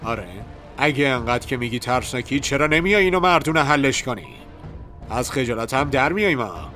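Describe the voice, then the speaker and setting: A man's voice: mid-range voice, lively intonation, pushed and bright, soft background music. A man voicing a blunt cowboy hero with a dry sense of humor, close to his own voice.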